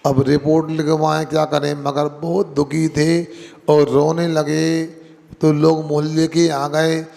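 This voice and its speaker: Slow preaching man in an echoing hall. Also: on the high side, level tone, creaky, mellow. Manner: storytelling, quizzes the audience with call-and-response questions; drawn-out emphatic words. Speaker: Jain monk preacher. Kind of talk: sermon. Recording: long hall reverb.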